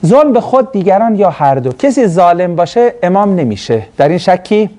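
Animated middle-aged male teacher, mellow tone. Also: sits high. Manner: animated storytelling, acts out quoted voices, laughs. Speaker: teacher of Islamic studies class. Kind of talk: classroom lecture with anecdotes. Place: classroom.

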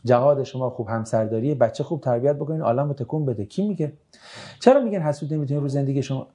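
This religion teacher has a medium-pitched, dark-toned voice. He reads audience questions aloud and fires back chatty, quick answers sprinkled with deadpan humor.

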